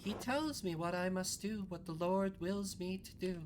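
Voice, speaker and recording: Over music, a performer plays a devout visionary nun, a gentle and bewildered old woman who speaks solemnly, reverently and in a measured way. The voice is medium-pitched and natural, with some background noise.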